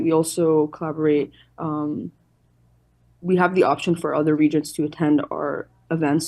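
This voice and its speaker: Speaking for the youth organization she chairs, a woman with a deep, warm voice responds to an interviewer's questions in a formal, earnest and explanatory manner.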